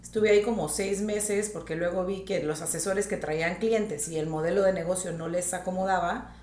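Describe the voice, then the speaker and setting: A woman's voice: fairly low pitch, fairly even intonation, moderate pace, a little mellow, echoey room, slight background noise. A woman from northern Mexico, a real estate agent, talking directly and laughing easily as a podcast guest. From northern Mexico, grew up in Tijuana. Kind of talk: casual interview chat.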